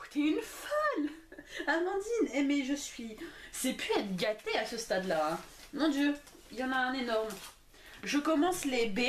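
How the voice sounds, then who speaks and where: A young woman, a book blogger, chatting casually and gushing with excitement as she opens presents at home. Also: medium pitch, a little hiss or hum. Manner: excitable, gushing, full of exclamations. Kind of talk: casual unboxing chat.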